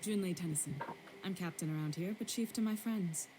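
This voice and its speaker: A woman's voice: on the low side, a little fast, heavy background noise, close to an everyday voice. An actress playing a tough, no-nonsense female security chief of a ship in a video game, firm and authoritative.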